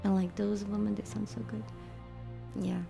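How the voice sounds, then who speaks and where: A woman's voice: medium pitch, level tone, moderate pace, gravelly, music in the background. A woman livestreamer chatting casually with her viewers while gaming, thanking them and answering their questions.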